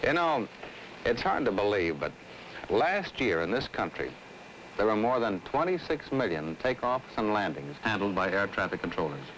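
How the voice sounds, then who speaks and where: In a 1960s American educational film, an actor plays an earnest air traffic specialist, delivering scripted dialogue and narration. His low voice swings lively as he explains in a measured, affable, earnest manner. The audio is poor, with faint noise on the old soundtrack.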